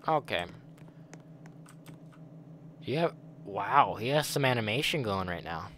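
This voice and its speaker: A man's voice: fairly low pitch, animated, slow pace, sharp tone, slight background noise. A man hosting a gaming channel, giving casual let's-play commentary and reacting aloud to the game and his chat.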